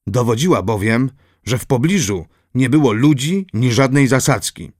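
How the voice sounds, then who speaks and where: A man's voice: mid-range voice, lively intonation, moderate pace, a little mellow, no echo. Man narrating in a dry, close voice. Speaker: audiobook narrator. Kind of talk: scripted narration of a historical novel.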